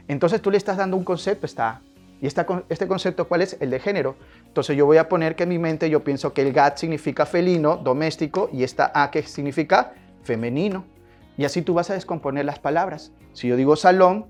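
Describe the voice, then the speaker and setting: A male language teacher, giving a classroom lecture in which he poses questions and answers them himself. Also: on the high side.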